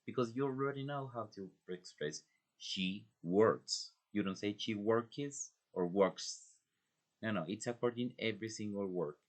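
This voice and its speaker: Deep-voiced man as a patient language tutor, reassuring and repetitive. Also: normal speed. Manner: patient, reassuring, repeats words to model pronunciation. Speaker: English teacher. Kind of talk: tutoring lesson mixing Spanish and English.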